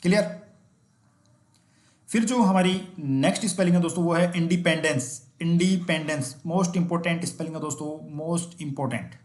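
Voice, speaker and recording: Man teacher, fairly high voice, exam-prep spelling lesson, asks and answers his own questions, echoey room. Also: darkish tone. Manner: quizzes listeners with quick questions and answers himself; spells words out letter by letter slowly.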